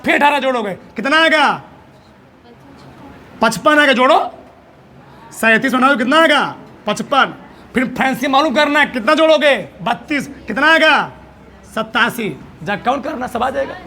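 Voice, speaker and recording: A male teacher gives a classroom lecture in an extremely high, bright, forceful voice at normal speed, with long pauses and slight background noise. He quizzes the class by asking questions and answering them himself. Emphatically, he repeats each answer to drill it in.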